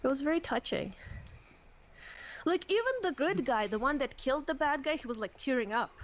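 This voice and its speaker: A woman co-hosting a live stream, chatting casually in a giggly, excitable, gushing way. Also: high voice, fairly quick. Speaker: streamer, co-host.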